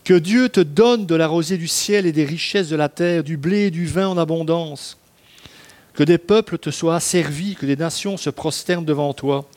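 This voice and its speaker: A solemn old blind patriarch gives a grand blessing, as a man reading scripture aloud lends him a lifted, higher voice. He speaks in measured, ceremonial phrases, and the pitch sits a little above a middle male range. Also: darkish tone, close to an everyday voice.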